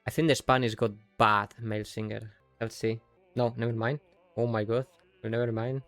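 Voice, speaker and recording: A man's voice: mid-range voice, level tone, moderate pace, a bit bright, dry recording, faint music behind. A man with a Yorkshire accent, chatting casually while streaming a game, rambling and breaking off mid-sentence. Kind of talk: casual live-stream commentary.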